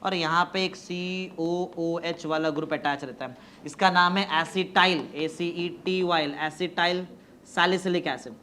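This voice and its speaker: A man teaching chemistry in a classroom, dictating notes slowly and spelling words out letter by letter. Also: on the high side, fairly even intonation, bright, forceful tone, a little hiss or hum. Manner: mixes Hindi and English, urging students to hurry.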